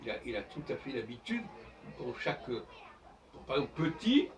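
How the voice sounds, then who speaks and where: Animated man lecturing from a distance. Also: mid-range voice, normal speed, crowd noise. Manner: professorial, explains by spelling out letters. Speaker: host. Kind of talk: informal lecture monologue. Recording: distant mic with faint background noise.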